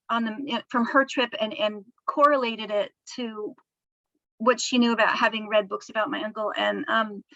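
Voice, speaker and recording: A woman author telling a family story in a casual interview, soft-spoken and halting, with frequent fillers. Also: a little high, no echo, highs cut off. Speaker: author discussing her book.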